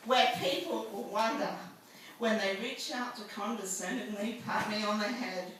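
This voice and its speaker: A woman performing a spoken-word poem live, defiant, crude and emphatic, now and then rising to shouts. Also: mid-range voice, fairly even intonation, normal speed, recorded from a distance, a little hiss or hum. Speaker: poet. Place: live event venue. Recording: echoey room, mic from afar.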